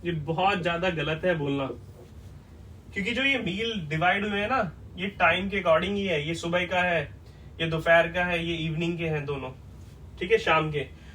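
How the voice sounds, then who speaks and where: A man teaching an English lesson at a whiteboard, explaining step by step and often checking whether it is clear. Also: on the high side, normal speed, bright, forceful tone, recorded from a distance, a little hiss or hum, poor audio.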